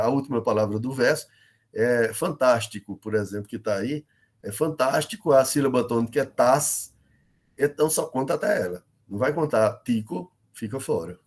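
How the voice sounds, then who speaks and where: A middle-aged man with a Brazilian Northeastern accent, teaching an online lesson on poetic meter and checking in with his students often. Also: medium pitch. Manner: explanatory, many fillers and checks like "né?" and "beleza?".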